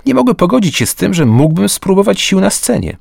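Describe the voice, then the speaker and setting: A man voicing a blunt, excitable teenage schoolboy friend in a story reading, speaking much higher than his narrating voice. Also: a little fast, creaky, breathy edge, no echo, clean studio sound, full character voice. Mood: teasing. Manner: shouting, incredulous.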